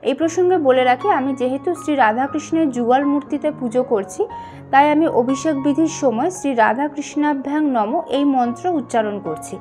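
A woman calmly explaining ritual steps one by one, now and then chanting mantras slowly. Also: sits high, soft background music. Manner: calm step-by-step explaining, addresses viewers as friends. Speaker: home puja demonstrator. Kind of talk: instructional voice-over.

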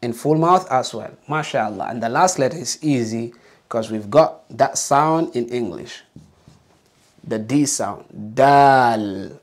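A man's voice: mid-range voice, animated, unhurried. A man teaching a beginner alphabet lesson, patiently modeling letter sounds and encouraging learners to repeat.

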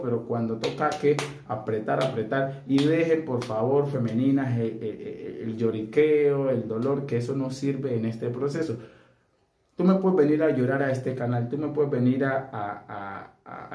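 A young man speaks bluntly and earnestly, coaching his listeners on spiritual matters. His voice is mellow and dark, and it rings in a noticeably echoey room. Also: medium pitch. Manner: earnest and blunt, often asking "¿sí?" for assent. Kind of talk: direct-to-camera spiritual advice.

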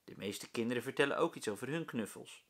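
A man, a primary school teacher, reading a children's book aloud with lively, expressive storytelling. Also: mid-range voice, fast talker, husky.

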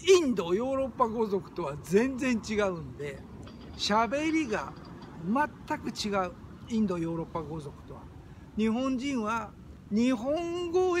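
A man's voice: high-pitched, slight background noise. An older man, a YouTube host, giving an emphatic monologue, stressing and repeating his key phrases.

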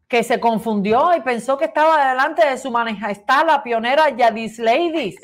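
A Cuban woman co-hosts a casual chat show. She laughs easily and reads viewer comments aloud in a fairly high voice. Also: moderate pace. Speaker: co-host.

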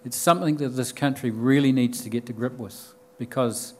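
An older man with a New Zealand accent gives a conference talk into a podium mic in a lecture room with bookshelves and an audience. His voice is mid-range and brisk, and he explains things plainly, with frequent ums and restarts.

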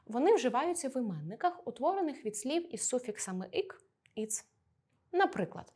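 A woman teacher from Ukraine giving a scripted online lesson, explaining in a playful, lively way with dramatic pauses. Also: fairly high pitch.

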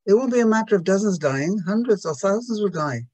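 A man's voice: high-pitched, animated, fairly quick, darkish tone, no room sound, poor audio. A man giving a reflective Buddhist talk to a group, hesitant and full of restarts and rhetorical questions.

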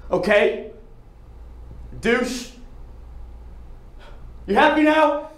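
A man's voice: fairly high pitch, animated, measured pace, darkish tone, roomy sound. A man playing a bitter divorced man who is afraid of himself, in an anguished dramatic monologue. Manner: anguished, pleading outbursts.

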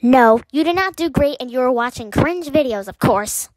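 A shrill, bossy band leader, voiced by a woman, dishing out scolding verdicts. Her voice sits high and the sound is dry and close. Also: lively intonation, moderate pace, no room sound.

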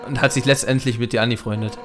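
A man's voice: medium pitch, fairly even intonation, fast talker, close to an everyday voice. A man reading the lines of a fierce, brash female fish warrior captain in a game, in boisterous bursts, with faint game music behind. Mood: reflective. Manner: boisterous, loud bursts, chuckling. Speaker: Let's Play gamer reading dialogue. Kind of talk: reading game dialogue aloud.

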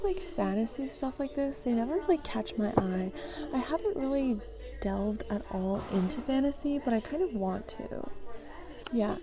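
A woman vlogging casually as she browses books in a thrift store, chatty and giggly, musing half to herself. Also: on the high side. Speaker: book vlogger. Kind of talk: casual chat while browsing.

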